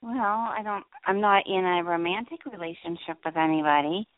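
A woman's voice: on the low side, normal speed, no room sound. A friendly, polite woman from New Jersey, calling in to a radio show and chatting casually with the host over the phone. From New Jersey, USA. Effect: heard over a phone line on a radio show. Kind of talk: casual call-in chat. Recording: tinny dry phone line.

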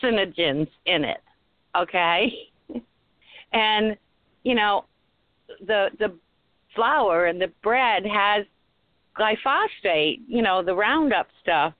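A woman's voice: medium pitch, animated, takes it slowly, pauses often, dry recording. A middle-aged or older woman with a Rhode Island accent, chatting casually as host of a talk show. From Rhode Island, USA. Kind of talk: casual panel chat. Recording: tinny phone-like internet call audio.

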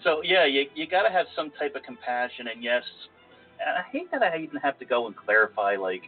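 A man's voice: mid-range voice, big pitch swings, brisk. A man co-hosting a casual podcast, talking in a rambling, self-deprecating way with a nasal voice. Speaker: podcast co-host. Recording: phone-like lo-fi audio with faint music.

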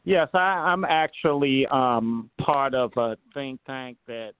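Man from trinidad and tobago, candidate guest, earnest, halting, tinny phone line, dry. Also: mid-range voice, steady tone, smooth, dry recording. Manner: earnest, many fillers and restarts. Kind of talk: phone-in interview, casual.

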